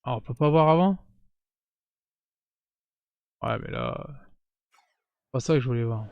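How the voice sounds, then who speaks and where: A man giving casual let's-play commentary, chatting straight to his viewers and breaking into cheers and shouts during big plays. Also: medium pitch, expressive, takes it slowly, creaky, dry recording, phone-quality sound. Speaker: gaming YouTuber.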